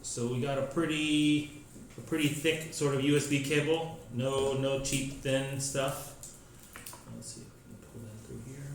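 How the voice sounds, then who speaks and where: A man's voice: mid-range voice, steady tone, a little slow. A man gives a casual, rambling product unboxing as a tech reviewer, full of ums and restarts. His voice bounces around a very echoey room, with a faint hiss of noise behind it. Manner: rambling, many fillers and restarts.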